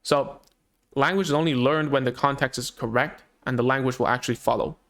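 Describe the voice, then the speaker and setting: A man who first spoke Cantonese works as a speech therapist and explains child language informally to parents, full of fillers and restarts. He talks fairly quickly in a mid-range, slightly bright voice with fairly even intonation.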